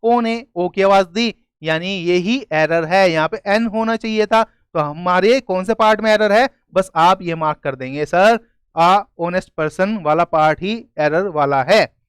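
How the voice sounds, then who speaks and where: Male tutor, high clear voice, dry close mic, explains slowly and checks understanding. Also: no echo. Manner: explains step by step, often asks "clear?". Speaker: grammar teacher. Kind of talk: classroom-style video lesson.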